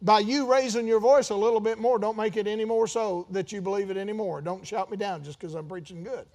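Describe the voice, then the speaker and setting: A man with a high, light voice preaches a sermon. He talks it through like a conversation, then climbs into loud, emphatic runs and drops back to asides. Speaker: pastor.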